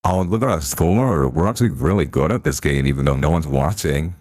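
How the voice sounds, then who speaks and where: A man's voice pushed very low by a pitch-shifting voice changer, which gives it a heavy, processed depth. He chats loosely and reacts aloud as he plays, with the sound dry and close. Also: fairly quick, a little mellow, no room sound. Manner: chatty, reacts aloud to the game. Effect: deep pitch-shifting voice changer. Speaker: live streamer. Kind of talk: casual gameplay commentary.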